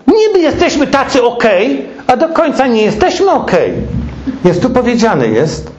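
A man's voice: very high voice, darkish tone. A man preaching a sermon, telling stories, quoting others and asking rhetorical questions. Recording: echoey room, dull sound.

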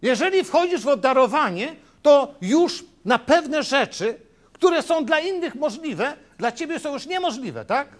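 A middle-aged male pastor preaches with a high-pitched, animated voice that climbs and drops with emphasis. He drives each point home and keeps checking in with his listeners through short rhetorical questions. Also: a little slow. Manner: emphatic, asks the congregation "tak?" and "wiecie?". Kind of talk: sermon.

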